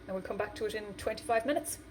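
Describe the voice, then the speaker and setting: A woman's voice: medium pitch, rapid-fire. Chatty woman cooking in a noisy kitchen. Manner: chatty, homely, thinks aloud while cooking. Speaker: home cooking channel host. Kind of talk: casual cooking demonstration. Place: home kitchen.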